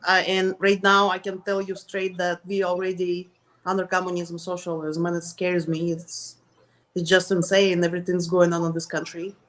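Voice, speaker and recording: As a guest in an interview, a middle-aged woman from Russia, Soviet Union, replies casually in Russian-accented English. Her voice is lowish with little pitch movement, and she hesitates while searching for the right words.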